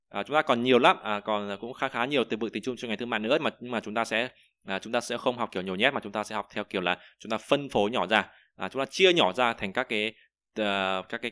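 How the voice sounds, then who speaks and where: Bright-voiced man teaching vocabulary. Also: on the low side, fast, no echo. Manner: thinks aloud, repeats each word with many fillers. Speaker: Chinese teacher. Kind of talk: vocabulary lesson.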